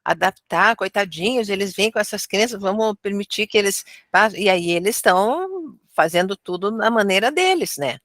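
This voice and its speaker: A woman with a Brazilian accent discussing religion in a study group, chatty and filling pauses with little tags. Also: mid-range voice, lively intonation, a bit bright, no room sound, studio quality. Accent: Brazilian Portuguese. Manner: chatty, fills with "né" and "tal".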